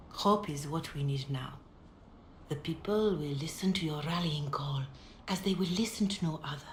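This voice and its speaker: An actress playing a calm, compassionate middle-aged holy mother in a fantasy video game, speaking in a measured, gentle, solemn way. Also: low voice, close to an everyday voice. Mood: solemn, hopeful. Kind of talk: dramatic video game dialogue. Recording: roomy echo, background ambience noise.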